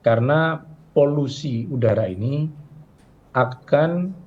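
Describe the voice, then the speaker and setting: A man's voice: medium pitch, lively intonation, takes it slowly. A middle-aged man, a health official, explaining patiently in a broadcast interview, with fillers and rhetorical questions. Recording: dull lo-fi sound with faint noise.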